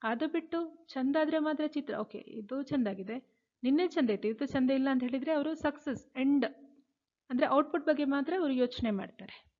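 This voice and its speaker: A woman's voice: high voice, normal speed. A woman teacher giving a lecture, reading English points aloud and then explaining each one in Kannada. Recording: phone-like narrow sound.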